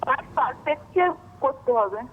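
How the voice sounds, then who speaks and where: A female student caller from West Bengal, asking a grammar question slowly and repeating herself. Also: sits high, wildly swooping pitch, a little hiss or hum. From West Bengal, India. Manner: slow, hesitant, repeats her question. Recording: muffled phone line.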